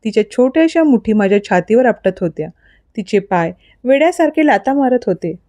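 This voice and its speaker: A woman narrates a dramatic story with expressive storytelling. Her voice is fairly high and warm. The sound is close and dry. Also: a little fast, no room sound. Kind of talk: scripted narration of an audio story.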